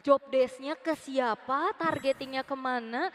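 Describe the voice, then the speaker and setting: High-pitched Indonesian woman esports commentator. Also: unhurried. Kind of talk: conversational match analysis. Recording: noisy arena ambience behind voice.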